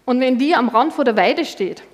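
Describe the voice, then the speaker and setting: Woman, Austrian accent, preacher, sermon, conversational and personal, a bit high-pitched, reverberant church hall. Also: animated, normal speed. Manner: personal, conversational, says "genau" often.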